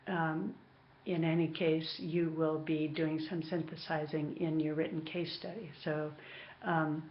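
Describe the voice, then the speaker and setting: Woman course instructor, pensive and halting, flat intonation, unhurried pace, muffled lo-fi audio, informal class update. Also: low voice. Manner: hesitant, pausing, thinking as she speaks. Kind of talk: informal recorded class announcement.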